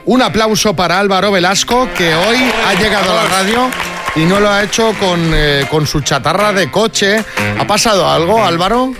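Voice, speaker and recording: A man hosting a morning radio show, reading quiz questions briskly and chatting with his co-hosts. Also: high voice, over music. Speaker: radio host. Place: radio studio.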